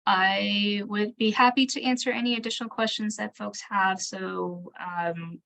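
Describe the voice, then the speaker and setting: A woman's voice: medium pitch, steady tone, measured pace, vocal fry, a bit bright. A woman presenter answering questions off the cuff in an online session, tentative and conciliatory, often trailing off. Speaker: training presenter, local government staffer.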